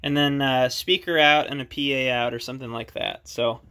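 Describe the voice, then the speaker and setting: At his desk, a man casually shows off his radio gear in a hands-on demonstration, thinking aloud with frequent "uh"s as he handles the equipment. His medium-pitched voice keeps a steady tone at normal speed, and there's background noise.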